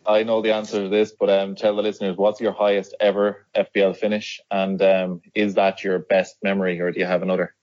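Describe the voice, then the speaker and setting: Low-pitched male podcast host. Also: little pitch movement, brisk, few pauses, a little mellow, muffled recording. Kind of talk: casual interview.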